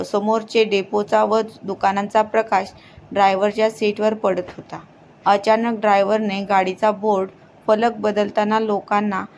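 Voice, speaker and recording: Gravelly-voiced woman telling a horror story. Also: medium pitch, a little hiss or hum. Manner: reads steadily with frequent slips and restarts.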